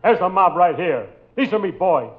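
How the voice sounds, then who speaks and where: On a dull old radio recording, a high-pitched American mob boss. He is a comic gangster full of tough-guy slang, blustering but quick to whine. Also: lively intonation. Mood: menacing bluster. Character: blustering racetrack mob boss, turns whiny and pleading. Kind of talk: old-time radio gangster comedy acting.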